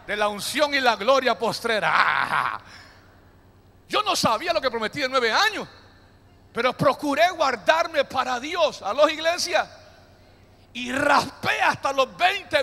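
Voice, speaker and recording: A man's voice: very high voice, bright, forceful tone. A man preaching a sermon as pastor, joking with the congregation and calling them to repeat after him. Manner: preaching with call-and-response to the congregation; jokey, playful asides. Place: church hall. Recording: long hall reverb.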